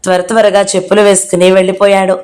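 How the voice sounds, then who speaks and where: A woman's voice: medium pitch, little pitch movement, quick pace, darkish tone. A woman narrating a novel aloud as an audio-book reader, reading out every character herself.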